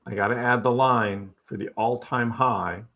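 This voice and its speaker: A man's voice: medium pitch, fairly even intonation, a little slow, fairly bright tone. A man hosting a live crypto stream, giving casual chart commentary and asking his audience rhetorical questions. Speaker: crypto livestream host.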